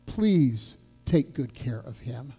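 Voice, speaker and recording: A man voicing a humble, ragged old man who speaks softly and tenderly, told in a sermon story. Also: mid-range voice, big pitch swings, slow, breathy edge, soft background music, pitched below the performer's own voice, full character voice. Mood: gentle, tender. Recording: long church reverb.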